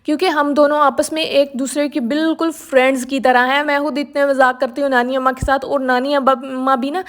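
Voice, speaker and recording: Chatty high-voiced young woman vlogger. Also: level tone. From Pakistan. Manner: chatty, confiding, repeats herself often. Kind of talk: casual vlog narration.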